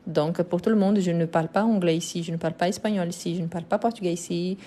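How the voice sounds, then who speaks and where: A woman with French and Brazilian roots teaching French grammar in a live online lesson, speaking slowly and deliberately with frequent fillers and restarts. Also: on the low side, steady tone, warm tone. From France and Brazil. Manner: slow, deliberate, explanatory with many fillers.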